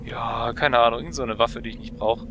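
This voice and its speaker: A young let's player offers casual gameplay commentary, musing and thinking aloud as he goes. His medium-pitched voice moves little in pitch and runs a little fast. Game noise is clearly audible in the background.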